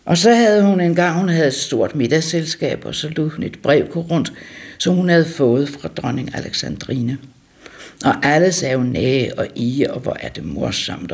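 An older woman reminiscing about her childhood, pausing and correcting herself as she talks. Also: low voice, vocal fry, a little mellow, breathy edge. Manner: halting, correcting herself mid-sentence. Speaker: storyteller recalling childhood. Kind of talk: casual reminiscing.

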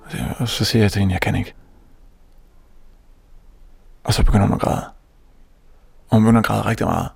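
A young man from Denmark telling a comic story on stage, animated and self-mocking, often stammering and restarting. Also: lowish voice, creaky, a little hiss or hum. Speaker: stand-up comedian. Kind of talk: stand-up storytelling.

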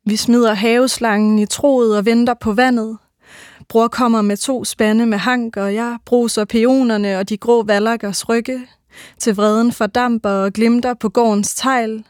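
A woman giving a measured, rhythmic reading of her own first-person literary prose. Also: on the high side, fairly even intonation, darkish tone, no echo, studio quality.

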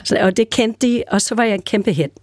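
A woman's voice: fairly high pitch, a little mellow. Older American woman telling stories. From United States. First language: English. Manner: chatty storyteller, hesitant with fillers and restarts. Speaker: guest. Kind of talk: casual chat.

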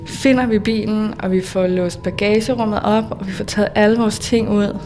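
A woman telling a personal story for radio in a measured, plain way with small hesitations. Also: medium pitch, fairly even intonation. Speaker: storyteller recounting a hitchhiking trip. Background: faint music under the voice.

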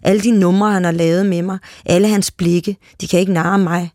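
A reader narrating a literary short story aloud in a calm, steady way. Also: medium pitch, no room sound, studio quality.

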